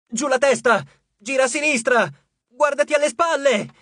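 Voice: medium pitch, moderate pace, a bit bright, no room sound, studio quality, voice pushed up. A narrator voicing a bold teenage girl who barks commands at a monster, in an audiobook. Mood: commanding.

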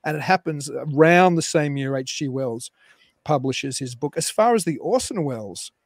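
A man guest historian explaining at length on a live call-in show, animated and digressive with frequent restarts. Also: on the high side, normal speed, no echo, clean studio sound.

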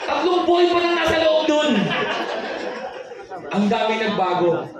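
A man doing a stand-up comedy set, telling stories and acting out the dialogue in quick exchanges before a live audience. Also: very high voice, big pitch swings, over a noisy crowd. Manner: storytelling with quick acted-out dialogue. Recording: echoey live venue audio from far off, noisy.

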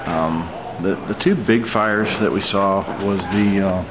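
A man in his forties giving an unscripted, matter-of-fact eyewitness vlog report, speaking haltingly. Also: sits low, a crowd in the background, poor audio. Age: 40s. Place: hotel lobby, indoors.

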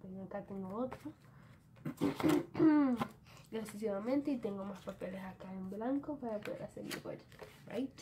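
A woman's voice: mid-range voice, moderate pace, long pauses. A young Dominican woman talks casually through her planner in a small bedroom, slipping English words into her Spanish. She records on a phone held close, with a faint hiss behind her. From Dominican Republic. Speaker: vlogger. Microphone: phone camera at arm's length.

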